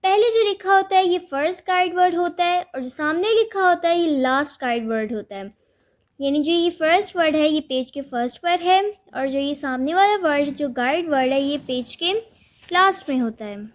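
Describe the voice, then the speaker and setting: A woman's voice: sits high, expressive, normal speed. A woman teacher explaining a school vocabulary lesson step by step, patient and repetitive with small hesitations. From South Asia.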